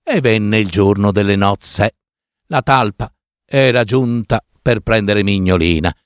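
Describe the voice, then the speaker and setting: A man reading a fairy tale aloud as narrator, expressive and drawn out. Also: lowish voice, unhurried, no echo, clean studio sound. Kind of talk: storybook reading.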